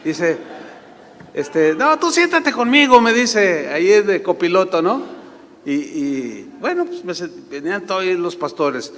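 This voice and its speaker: Man, sermon, high pitch, storytelling, long hall reverb. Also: expressive, measured pace. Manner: storytelling, acts out voices. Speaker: preacher.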